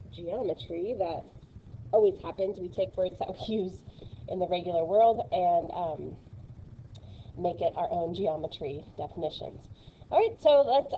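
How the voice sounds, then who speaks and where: Playful woman math teacher, unhurried, recorded on a muffled home mic. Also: medium pitch, a little hiss or hum. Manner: chatty and playful, with many fillers. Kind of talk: recorded video lesson.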